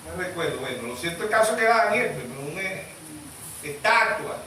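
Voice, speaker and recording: A man's voice: a little high, big pitch swings, a little fast, sharp tone, slight background noise. A man preaching a sermon as pastor, emphatic, asking the congregation questions and waiting for their answers. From Venezuela. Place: church hall. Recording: echoey church sound from far off.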